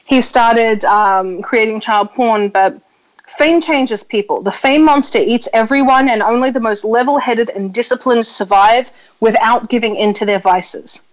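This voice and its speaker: A woman in her thirties with a fairly high voice, hosting a loose, casual chat. She talks bluntly and freely, swears without hesitation and leans on lots of ums as she goes. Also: measured pace, poor audio. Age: 30s. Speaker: podcast host.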